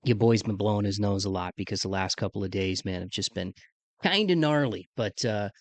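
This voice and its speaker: Congested from sinus trouble, this mid-thirties man sounds deeper than normal, speaking low, flat, and fairly quick. He hosts a podcast with relaxed, slangy chatter and plenty of "man." The recording is dry.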